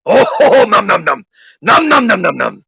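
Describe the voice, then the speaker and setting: A man voicing a greedy, cookie-munching monster with a gravelly growl and broken grammar. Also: high voice, big pitch swings, a little slow, sharp tone, pitched above the performer's own voice, full character voice. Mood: gleeful greedy.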